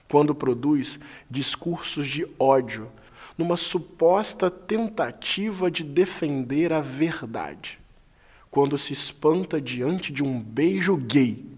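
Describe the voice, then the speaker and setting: A man speaks in a solemn, measured cadence, like a pastor delivering a prepared statement. His voice sits a little high for a man. He takes his time, leaving long deliberate pauses between short phrases. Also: darkish tone. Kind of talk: scripted spoken manifesto.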